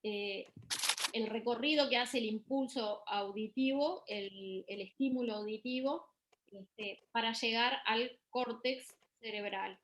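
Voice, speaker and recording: A woman's voice: fairly high pitch, slow pace, a bit bright, a little hiss or hum, poor audio. Woman lecturing, fillers and restarts. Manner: explanatory, with frequent fillers and restarts. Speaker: lecturer in music therapy. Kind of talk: university lecture.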